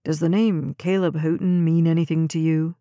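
A woman reading the lines of a steady, caring male police officer, calm and measured. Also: deep voice, no echo, clean studio sound, voice pushed down, natural voice. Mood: matter-of-fact.

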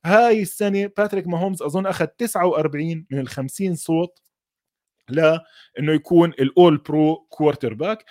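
A man with a Levantine Arabic accent talks sport in a casual, off-the-cuff way as an analyst. His voice sits a little high, and he speaks very quickly, dropping English terms into his sentences. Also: darkish tone. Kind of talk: casual unscripted football commentary.

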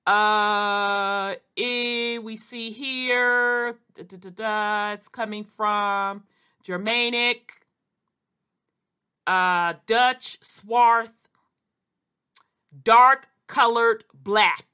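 A woman hosts an informal commentary in a bright, forceful voice. She takes her time, leans on key words for emphasis and checks in with her listeners as she goes. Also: fairly high pitch, fairly even intonation, drawn-out words, smooth. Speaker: host of a history commentary show.

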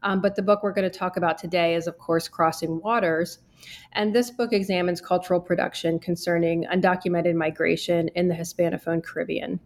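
A woman's voice: fairly low pitch, steady tone, brisk. A woman hosting a podcast, introducing an author in a friendly, slightly hesitant way. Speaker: podcast host. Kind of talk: podcast interview.

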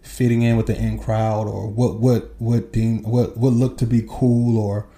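A man's voice: lowish voice, little pitch movement, unhurried, warm tone. A man in his forties talking candidly in a casual podcast chat, swearing freely and laughing easily. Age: 40s. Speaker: podcast guest.

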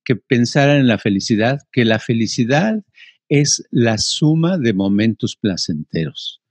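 A man's voice: medium pitch, expressive, a little slow, husky, no echo. An older man, chatting casually and rambling, filling gaps with playful sounds. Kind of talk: casual conversation.

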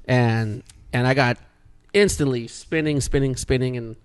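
This Canadian man in his forties co-hosts a podcast and tells a long, rambling story, swearing a lot and restarting often. His mid-range voice is clear and resonant, and he talks a little slowly in this casual storytelling.

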